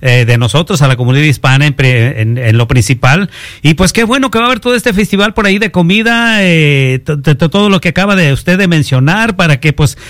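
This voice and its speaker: A man's voice: a little high, brisk, a bit bright, no room sound, clean studio sound. A man hosting a radio interview, chatty and rambling with many filler phrases. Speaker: radio host.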